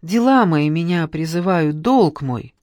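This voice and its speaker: A weary father speaks softly and apologetically, as a woman narrator puts him on. His lines are gentle and guilty, hardly set apart from the narration. The recording is dry and close. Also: fairly low pitch, animated, unhurried, no room sound. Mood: apologetic. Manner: soft, apologetic.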